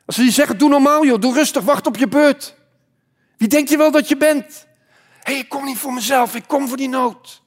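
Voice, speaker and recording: A man preaching a sermon as pastor, moving between loud exhortation and hushed, quiet passages. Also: very high-pitched, moderate pace.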